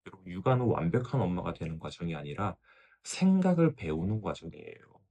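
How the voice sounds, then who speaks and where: A man gives a parenting lecture in a low voice that rises and falls with lively expression. He keeps turning to viewers with "자, 여러분" and acts out a mother's inner thoughts as short quotes. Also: brisk, creaky. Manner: addresses viewers directly, often starting with "자, 여러분". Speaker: parenting educator.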